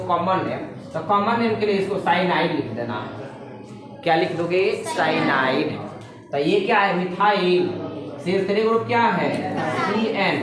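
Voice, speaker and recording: Woman teaching in an echoey classroom. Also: lowish voice. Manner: keeps quizzing students with quick check questions; spells out terms letter by letter. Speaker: chemistry tutor. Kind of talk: classroom lecture. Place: classroom with students. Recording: very echoey classroom with students audible.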